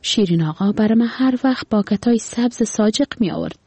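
A woman's voice: mid-range voice, lively intonation, dark tone, husky, dry recording. A woman voicing a small, earnest girl mourning her uncle in a read-aloud story. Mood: plain. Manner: earnest, prayerful childlike talk.

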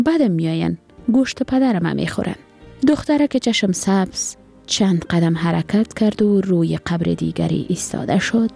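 A woman with an Afghan Dari accent reads a story for the radio in a breathy, gravelly voice. Her tone is dark and mellow, with faint music behind her. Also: fairly low pitch. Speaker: story reader.

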